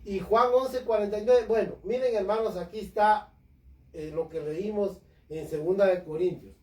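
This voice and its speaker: A man with a high, mellow voice preaches at normal speed with impassioned fervor, calling his congregation brothers. He's in an echoey room, far from the mic.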